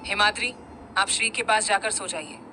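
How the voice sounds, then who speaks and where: A woman's voice: normal speed, pushed and bright, soft background music, natural voice. A woman voicing a stern, hot-tempered young man with a heavy voice who scolds his younger brother. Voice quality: heavy deep-toned voice.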